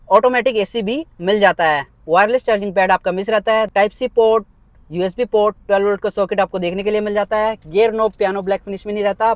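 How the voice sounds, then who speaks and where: A man walking around parked cars outdoors, listing their features one by one in a brisk review. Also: sits high, no room sound. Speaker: car reviewer. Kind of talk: car walkaround review.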